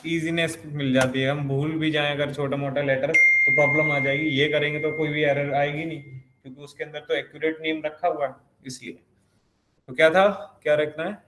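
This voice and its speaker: In a flat delivery at a moderate pace, a man with a slightly high voice teaches programming. He explains each step and asks himself questions as he proceeds, recorded in an echoey room with faint noise.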